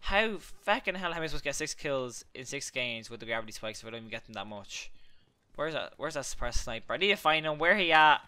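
A young man hosting a gaming channel, rambling and excitable as he commentates live gameplay and swears at opponents. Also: mid-range voice, fast, clean tone.

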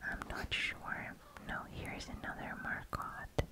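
A woman gives whispered ASMR game commentary in a soft, breathy voice, close to the microphone, gently murmuring to herself as she plays. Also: slow. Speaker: gamer narrating gameplay.

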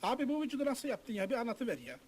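A man doing comic voices in dubbing, joking quickly. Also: extremely high pitch, big pitch swings, over a noisy crowd.

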